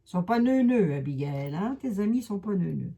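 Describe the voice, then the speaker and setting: A woman's voice: mid-range voice, animated, normal speed, creaky, dark tone. A woman with a Lorraine accent doing a rambling, chatty tarot and oracle card reading for her viewers, full of hesitations and asides. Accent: Lorraine French.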